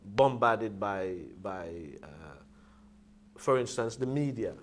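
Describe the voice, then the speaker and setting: A man in a casual, reflective discussion, speaking haltingly and searching for his words. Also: fairly low pitch, slight background noise.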